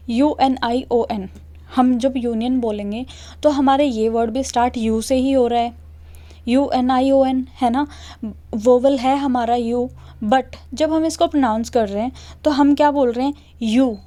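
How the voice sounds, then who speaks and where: A woman's voice: high-pitched, mellow. Patient Indian woman teaching English grammar. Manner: patient, checks understanding with "okay" and "clear?". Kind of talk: classroom explanation.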